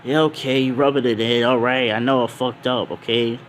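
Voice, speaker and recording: A man voicing a rowdy, excitable young male pirate who talks in slang and is easily amazed. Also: medium pitch, normal speed, slight background noise, natural voice. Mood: defensive.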